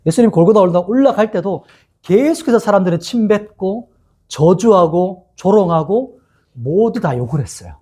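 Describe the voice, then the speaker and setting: A man's voice: high-pitched, animated, normal speed, dark tone, slightly rough. A male pastor giving an expository sermon to young adults, telling the story and asking the listeners rhetorical questions.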